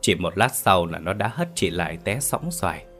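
Low-voiced male horror storyteller. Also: expressive, moderate pace, fairly bright tone, faint music behind.

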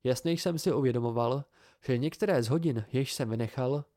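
A man reads an amateur audiobook in the first person, measured and plain. His voice is mid-pitched for a man. The recording is close and completely dry. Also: warm tone, dry recording. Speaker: audiobook narrator.

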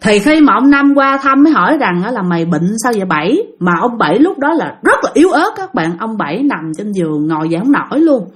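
A woman narrates a folk ghost tale, chatting directly to her audience. Her voice sits a little high and swings widely in pitch as she tells it. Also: very animated, fast, few pauses. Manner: chatty, addresses listeners directly. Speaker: storyteller. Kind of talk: casual ghost-story narration.

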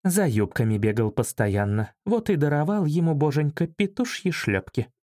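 A man reading an audiobook, voicing a sharp-tongued mother who brushes off her children. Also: on the high side, big pitch swings, normal speed, no echo. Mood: dismissive. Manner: dry, dismissive.

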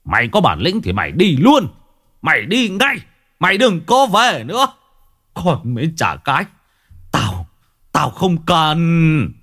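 Guy doing a furious old dad yelling at his son, voice swinging all over. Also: fairly high pitch, wildly swooping pitch, moderate pace, few pauses, breathy edge, pitched above the performer's own voice, exaggerated voice. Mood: furious shouting. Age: older. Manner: shouting, scolding. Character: furious old village patriarch, father.

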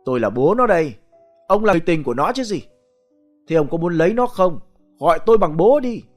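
A furious middle-aged man hurls insults at the top of his lungs, as a male storyteller puts him on. His voice climbs high and swings wildly, coarse and jealous in a spoken ghost story, with soft music under it. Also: big pitch swings, brisk. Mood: mocking. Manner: shouting insults, yelling.

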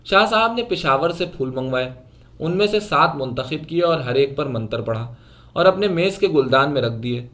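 A man narrating a literary short story aloud in a measured, even storytelling manner. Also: a little high.

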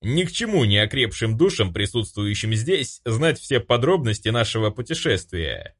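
A man's voice: medium pitch, big pitch swings, moderate pace, fairly bright tone. A man reading an audiobook voices a self-righteous male angel with a preachy, lofty manner. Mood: hasty. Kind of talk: audiobook character voice.

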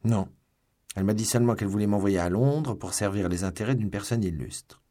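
A man's voice: on the low side, brisk, mellow, pitched above the performer's own voice, natural voice. A man voicing a greedy, foolish middle-aged shopkeeper in an audiobook. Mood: eager. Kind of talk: audiobook reading.

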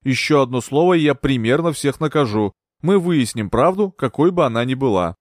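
A man's voice: medium pitch, big pitch swings, fast, darkish tone, no echo, clean studio sound, lightly acted. A man voicing a stern male judge who speaks formally and commands the court.

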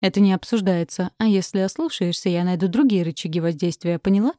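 A woman's voice: fairly low pitch, fast talker, dark tone, no echo, studio quality, lightly acted. A woman voicing a strict, furious middle-aged mother who gives harsh commands in an audiobook. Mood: commanding.

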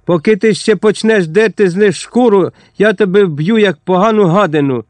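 A man's voice: high-pitched, normal speed, no echo, pitched above the performer's own voice, lightly acted. A man voicing a fierce, commanding Cossack leader who speaks sternly and in anger, in an audiobook. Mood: wrathful commanding.

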